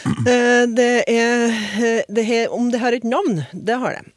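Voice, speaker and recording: A woman's voice: a little high, dry recording. A woman on a radio language panel, patiently explaining grammar with examples and tag questions, recorded in a studio.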